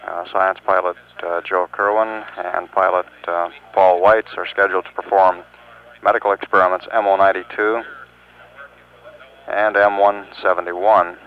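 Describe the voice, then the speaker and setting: A male American public affairs announcer reports on a spaceflight in a measured, official way. His low voice barely varies and has a gravelly fry. It stops and starts as he goes. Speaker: mission control announcer. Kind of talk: live spaceflight mission commentary. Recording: muffled phone-like archival audio, faint hiss.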